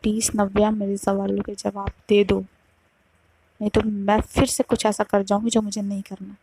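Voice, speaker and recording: A woman's voice: mid-range voice, monotone, normal speed, dark tone, slightly rough, no echo. A woman voicing a possessive, volatile young woman who insists on answers in a storytime love drama. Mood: demanding.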